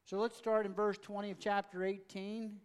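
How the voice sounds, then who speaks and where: Male preacher, high voice, scripture reading into a pulpit mic. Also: little pitch movement, normal speed, smooth. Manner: reads with rising, forceful emphasis. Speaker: pastor. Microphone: mic checked aloud.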